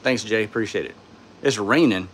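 A man with a sore throat hosting a casual live stream, answering chat in a tired, low-key way from his home studio on a phone. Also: normal speed, a bit bright, a little hiss or hum. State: sore throat, speaking softly.

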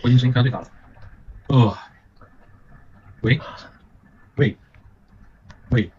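A man's voice: medium pitch, measured pace, darkish tone. A man chatting casually as a gaming partner, repeating himself as he checks his setup. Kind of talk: casual chat while troubleshooting audio. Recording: muffled mic with faint noise.

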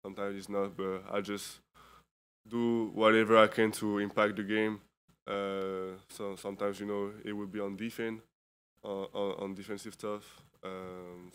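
Tired young guy at a postgame presser mic, low smooth voice, lots of ums and restarts. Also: fairly bright tone. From Europe. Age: 20s. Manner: halting, with many fillers and restarts. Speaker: basketball player. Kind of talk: postgame press conference answers. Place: indoor press conference room. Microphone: table microphone.

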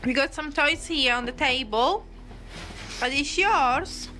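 High bright woman coaxing spirits. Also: slight background noise. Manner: slow, gentle, coaxing questions. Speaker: paranormal investigator. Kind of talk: calling out questions to spirits.

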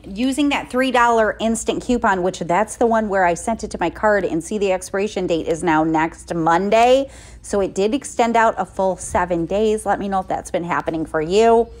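A middle-aged woman narrates her shopping run in an easygoing, chatty way, counting out prices and savings one item at a time. She talks into a phone she holds herself as she walks through a store. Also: mid-range voice. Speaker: couponing vlogger. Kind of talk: casual shopping vlog narration. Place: inside a drugstore, walking the aisles.

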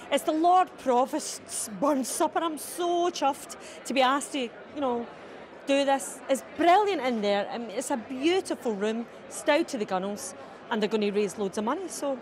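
A Scottish woman comedian, chatty and self-mocking, giving a live interview at a big dinner event. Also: high voice. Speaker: comedian guest.

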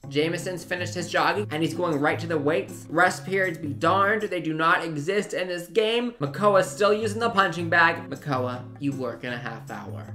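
A man's voice: on the high side, a bit bright. A young man gives comedic gameplay commentary with music behind him. He is sarcastic and mock-bossy, addressing the game characters as if he were their demanding coach. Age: young adult. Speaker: gaming video host.

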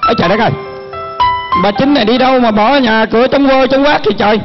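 A man's voice: extremely high pitch, fast. Grumpy farmer husband, a man acting, Southern Vietnamese accent, lecturing in proverbs, stage comedy, muffled sound. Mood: grumbling. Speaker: stage actor. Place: stage at a contest. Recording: muffled recording with loud music.

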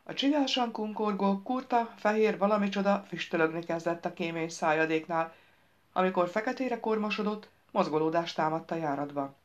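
A woman narrating an audiobook with a lively, expressive reading. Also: on the low side, muffled recording. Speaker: audiobook reader.

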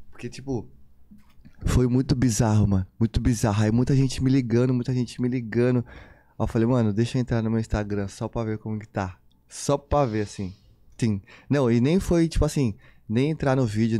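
A young man tells a story on a podcast, rambling and circling back with slang and repeated phrases. His voice is mellow and dark, recorded close and dry. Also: mid-range voice, dry recording. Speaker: podcast guest. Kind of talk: casual storytelling.

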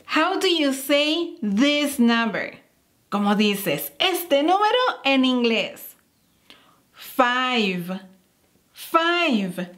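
A young adult woman teaching English pronunciation to Spanish speakers, repeating each word slowly and with emphasis for learners to copy. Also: high-pitched, sing-song, a bit bright. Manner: slow, emphatic repetition of words for learners. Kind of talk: slow, drilled pronunciation lesson.

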